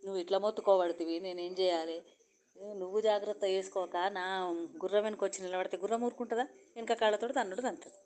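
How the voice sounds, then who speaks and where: A woman's voice: medium pitch, fairly even intonation, fast talker, darkish tone, close to an everyday voice. A woman voicing an exasperated village man, arguing, storybook. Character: reasoning male horse owner, exasperated.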